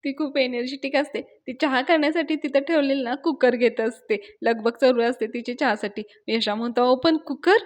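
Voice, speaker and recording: A woman's voice: high-pitched, normal speed, hardly any pauses. A woman in a casual storytelling recap, chattily retelling a TV serial episode and talking to her listeners. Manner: chatty, animated, addresses listeners. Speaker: TV serial reviewer.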